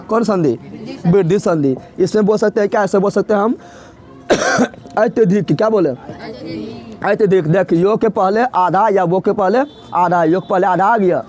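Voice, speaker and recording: During an exam-prep grammar class, a man with a high, slightly mellow voice drills his students in a repetitive way, asking questions and then supplying the answers himself.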